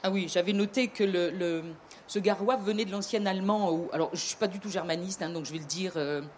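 Speaking a little fast in a lowish, slightly mellow voice, this storyteller has a southern French accent. She recounts an old tale in a relaxed, halting way, with lots of fillers, false starts and jokey asides, over a faint hiss or hum.

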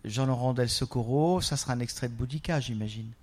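A male host introducing the readers in a relaxed, chatty way, laughing at times. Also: mid-range voice, fairly quick. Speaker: event host. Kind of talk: casual hosting.

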